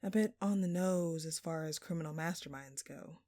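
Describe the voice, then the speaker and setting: Her low, mellow voice is close to an everyday voice, moving at normal speed, and the studio-quality recording has no echo. In this listener-directed audio roleplay, she plays a smug, obnoxiously flirtatious thief, drawling and teasing in a sultry, mock-innocent style.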